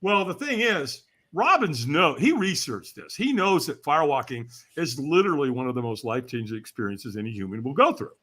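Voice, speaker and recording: A man's voice: a little high, sing-song, brisk, hardly any pauses, a bit bright. A man in his sixties from California, a podcast guest telling a story with energy, acting out the voices he quotes and laughing as he goes. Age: 60s. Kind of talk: animated storytelling.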